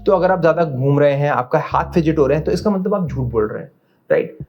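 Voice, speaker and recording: A man's voice: fairly high pitch, lively intonation, fast. A young man giving a career lesson, switching between Hindi and English and often checking in with "right?". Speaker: career coach. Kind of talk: explanatory video lesson. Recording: dull sound with soft guitar music behind.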